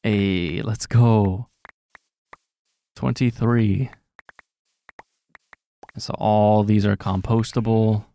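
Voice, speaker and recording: A man's voice: lowish voice, steady tone, extremely slow, long pauses, mellow. A man giving casual, rambling gameplay commentary, full of fillers and self-corrections, with a slightly sore throat. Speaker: gaming commentator.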